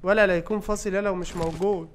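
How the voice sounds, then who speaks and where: A man with an Egyptian accent giving excited, teasing commentary while playing a game with friends. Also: high-pitched, rapid-fire. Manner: teasing, excitable, taunts opponents. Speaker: gaming streamer. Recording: gameplay audio with gunfire behind.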